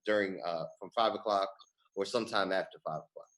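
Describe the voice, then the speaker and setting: The host, a thirtysomething man from New York, United States, keeps a casual interview chat going with effusive, slangy energy. His voice sits low, sounds a bit bright, and moves fairly quickly.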